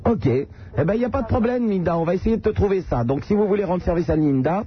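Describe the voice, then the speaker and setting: Brief: high, lively-voiced male call-in host, teasing, slightly dull radio audio. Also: fast talker. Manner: teasing, provocative joker. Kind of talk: late-night call-in banter.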